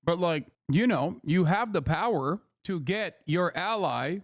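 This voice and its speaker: A man's voice: on the high side, animated, measured pace, dry recording, clean studio sound. Heated sarcastic man streaming. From Turkey. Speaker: streamer reacting to news clips. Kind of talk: live stream commentary.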